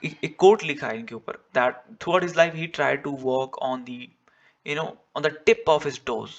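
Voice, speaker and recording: A man's voice: on the high side, gravelly, sharp tone. A man with an Indian English accent teaching an exam-prep lecture, switching between Hindi and English and answering his own questions.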